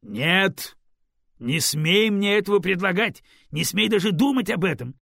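A man voicing a stern, sarcastic magical stone in an audiobook, with a curt, firm, mocking manner and a husky voice. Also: on the high side, normal speed, dry recording, clean studio sound. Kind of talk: audiobook character voice.

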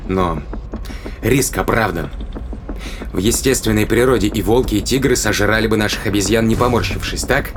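An actor in an audio drama plays a determined man willing to take risks, arguing fervently and persuasively with rhetorical questions. His voice is mid-range and lightly acted, with a noisy background.

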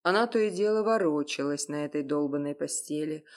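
Low-voiced woman reading a novel. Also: brisk, darkish tone. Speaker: audiobook narrator. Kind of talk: first-person novel narration.

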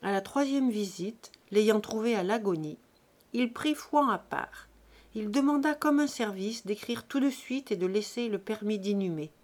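A woman narrating a classic novel as an audiobook reader in a measured, steady way. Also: mid-range voice.

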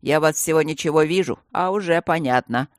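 An ancient male dragon, as a woman reader puts him on, amused and mocking, with slow, heavy speech dropped well below her own pitch. The sound is dry and close, with a dark, low tone throughout this audiobook figure. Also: dry recording, close to an everyday voice. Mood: amused, sly. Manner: slow, booming, lower voice.

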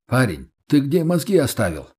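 A man's voice: medium pitch, huge pitch swings, moderate pace, dark tone, husky, pitched above the performer's own voice. A man voicing a brash, laid-back young male survivor who talks bluntly in street slang. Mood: offhand.

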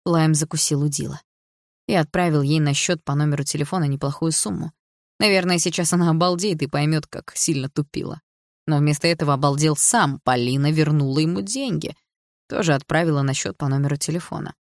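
A woman reading an audiobook in an even, storytelling way. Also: sits low, fairly quick, dry recording, studio quality. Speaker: audiobook reader. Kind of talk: scripted narration.

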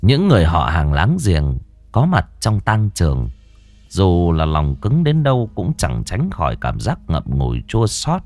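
A man's voice: low voice, huge pitch swings, measured pace, a little mellow, no room sound, soft background music. A man reading a ghost story aloud in a dramatic, mournful storytelling manner, close to the mic. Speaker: narrator. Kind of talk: scripted ghost-story narration.

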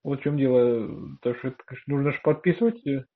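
Talking fast in a mid-range voice, a male applicant addresses an official over the phone, polite but hesitant. The call has a dull, lo-fi sound.

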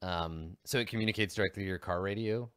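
A man's voice: deep voice, quick pace, a bit bright, smooth, dry recording, studio quality. A man narrating as game master of a tabletop role-playing game, rambling with many fillers and restarts.

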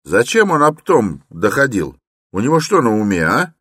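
A man's voice: medium pitch, very animated, moderate pace, a bit bright, slightly rough, dry recording, studio quality, voice pushed up. A man voicing a meddling, nosy male townsman in a narrated story who keeps insisting and egging others on. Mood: pushy.

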